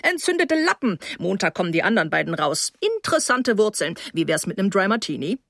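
A woman voicing a jovial middle-aged male dentist who speaks in loud, clipped phrases. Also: mid-range voice, big pitch swings, fairly quick, vocal fry, no echo, studio quality, exaggerated voice.

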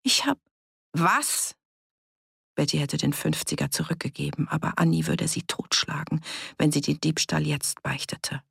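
A woman narrating an audiobook in a steady, measured storytelling manner. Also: deep voice, creaky, husky, no room sound, clean studio sound. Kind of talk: scripted narration.

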